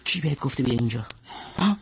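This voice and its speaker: A man's voice: mid-range voice, animated, a little hiss or hum, close to an everyday voice. An actor playing a young man who argues defiantly while held at gunpoint. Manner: defiant, pleading, argumentative. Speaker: tenant's husband. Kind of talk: television drama acting.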